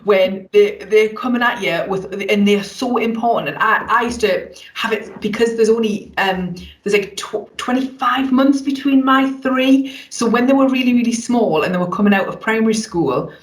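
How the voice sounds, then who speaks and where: A woman's voice: fairly high pitch, normal speed, few pauses. A woman who is a parent and podcast co-host, earnestly explaining her experience in a casual chat. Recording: echoey room, away from the mic.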